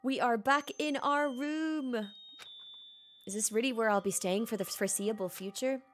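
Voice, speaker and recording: A woman's voice: fairly high pitch, normal speed, soft background music. A woman gamer narrating a video game playthrough by reading it aloud expressively.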